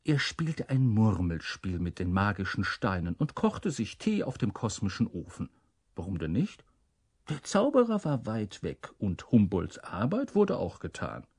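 Husky, animated male storyteller. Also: lowish voice, measured pace, dry recording, clean studio sound. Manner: animated, playful, voices the rhythm of the story. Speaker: narrator. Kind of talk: storybook reading.

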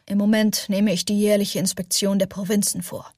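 A woman's voice: mid-range voice, level tone, normal speed, a little mellow, no echo, clean studio sound, lightly acted. A woman reading the lines of a stern, cold male official in an audiobook, curt and clipped.

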